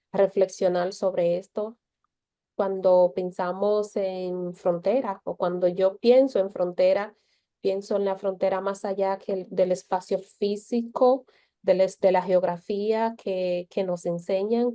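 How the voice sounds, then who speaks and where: A woman from the Republic, speaking as a guest in a reflective panel conversation, with frequent pauses and restarts. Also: medium pitch, dark tone. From Dominican Republic. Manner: slow, thoughtful, frequent hesitations and restarts.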